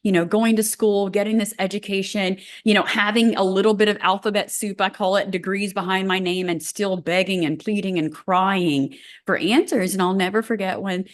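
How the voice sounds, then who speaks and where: A woman guest, a functional medicine doctor, telling her story in an energetic, quick and emphatic way. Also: medium pitch. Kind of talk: energetic storytelling interview talk.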